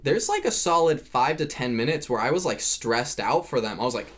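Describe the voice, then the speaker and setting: A man co-hosting a casual movie podcast, blunt and animated in how he tells his reactions. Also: medium pitch, a little fast. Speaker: podcast co-host. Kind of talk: casual movie review chat.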